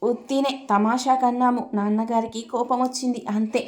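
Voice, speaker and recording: A woman narrator plays a firm, protective younger sister in a told story. She speaks earnestly and scolds sharply, her voice slightly high and held flat. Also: normal speed, close to an everyday voice.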